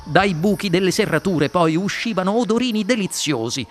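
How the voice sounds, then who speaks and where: A man reads a children's story aloud in a high, bright voice. His delivery is animated and swings widely in pitch. Faint music runs underneath. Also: moderate pace. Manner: expressive, animated reading. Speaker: audiobook reader. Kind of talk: storybook narration.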